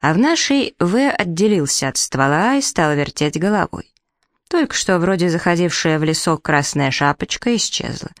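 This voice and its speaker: A woman narrating a fairy tale in a lively, expressive storytelling voice. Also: fairly low pitch, moderate pace, no room sound, studio quality. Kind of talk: audiobook narration.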